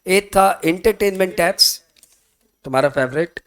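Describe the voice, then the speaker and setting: A man's voice: high-pitched, normal speed, a bit bright. Chatty man teaching a class. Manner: chatty, mixes Hindi and English, asks students questions; voices imagined student questions. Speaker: tax teacher. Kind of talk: classroom lecture.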